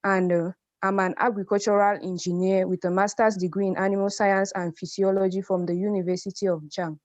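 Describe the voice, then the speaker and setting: A woman's voice: mid-range voice, little pitch movement, fairly quick, darkish tone, dry recording. A young woman from Cameroon, an NGO program manager, giving a formal, prepared presentation on a video call. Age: young adult. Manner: formal, read-out delivery. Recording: dry lo-fi video call audio.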